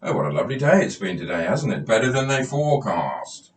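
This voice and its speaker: A man's voice: fairly low pitch, very animated, fairly quick. A man playing a doctor in a home-made comedy sketch, chatty and hammy, often repeating himself. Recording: roomy, distant, faint noise.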